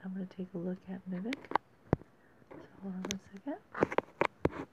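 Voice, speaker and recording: A woman hosts an amateur weather report, offering casual, unscripted commentary in a halting way, thinking aloud with pauses. She has a medium-pitched voice, and the audio is dull and lo-fi with faint noise.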